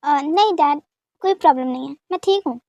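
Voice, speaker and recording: A woman's voice: high-pitched, a little fast, gravelly, a little mellow, dry recording, muffled recording. A woman doing a fretful young woman. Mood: worried. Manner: pleading, emotional. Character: anxious, caring young woman, quick to anger. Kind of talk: fan dub drama reading.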